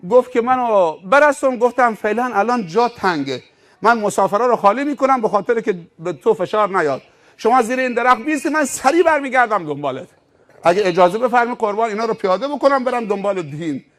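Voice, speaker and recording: A man's voice: high-pitched, lively intonation, a bit bright, pitched above the performer's own voice. A man acting out a frightened rich male driver who stammers and apologizes. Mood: pleading.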